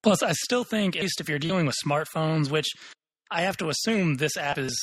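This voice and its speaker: A young man with a fairly high voice gives blunt opinions on a tech podcast. He thinks out loud and restarts his sentences as he goes. The sound is dry and close to the mic. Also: normal speed, no room sound, rough recording. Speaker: podcast co-host. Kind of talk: casual tech podcast chat.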